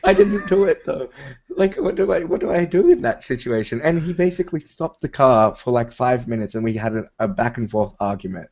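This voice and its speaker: A hesitant man tells a story on a podcast over a video call, stumbling through ums and restarts and laughing often. His voice sits at a middle pitch. The call audio is dull and lo-fi. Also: brisk, creaky, hardly any pauses, darkish tone. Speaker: podcast co-host.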